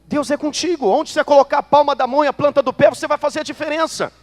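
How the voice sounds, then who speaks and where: A man preaching a sermon as pastor, animated, asking the congregation rhetorical questions and acting out their excuses. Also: very high-pitched, fast talker, long reverb tail. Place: church.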